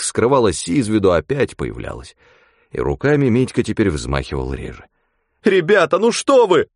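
Male storyteller, low, wry, very lively delivery, dry sound. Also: no echo. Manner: wry, animated. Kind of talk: expressive story reading.

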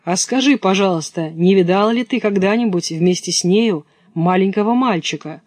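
A man reading as a gentle pleading girl. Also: high voice, normal speed, dry recording, clean studio sound. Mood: earnest. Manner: earnest, pleading.

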